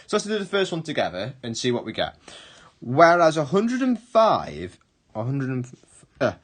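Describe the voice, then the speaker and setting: A man's voice: medium pitch, fairly bright tone. A male history teacher giving a recorded online lesson, explaining step by step, rephrasing and correcting himself as he goes.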